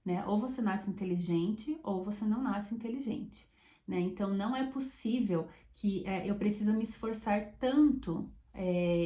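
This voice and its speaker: A woman psychologist talks through an idea in a relaxed explanatory way, her voice mellow and soft-edged. She keeps it conversational, dropping little check-in questions between points. The room around her adds a noticeable echo. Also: medium pitch. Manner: conversational, tag questions, measured pauses. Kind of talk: explanatory talk to camera. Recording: echoey room.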